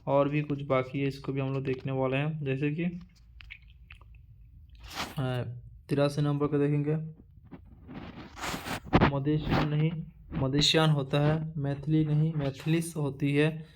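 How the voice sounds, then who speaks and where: A man teaching an exam-prep lesson, going through a word list one entry at a time. His voice sits a bit high and stays flat, barely rising or falling. He drills each item with the same pattern and often stops to restart a word. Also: a little hiss or hum. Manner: repetitive drilling, halting restarts.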